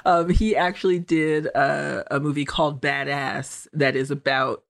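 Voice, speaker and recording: A woman's voice: deep voice, steady tone, a little slow, vocal fry, no room sound, studio quality. A woman co-hosting a film podcast, giving thoughtful, explanatory commentary in a conversational way.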